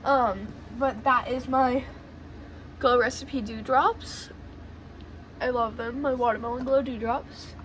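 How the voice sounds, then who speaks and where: A woman vlogger casually telling a long story while doing her makeup at home, rambling and excitable. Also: on the high side, slow pace, a little hiss or hum, low-quality recording.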